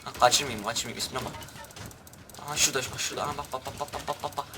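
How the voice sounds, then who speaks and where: A man's voice: mid-range voice, steady tone, quick pace, background noise. A young man giving rowdy, crude commentary over his own gameplay and barking orders at his troops. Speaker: gaming youtuber.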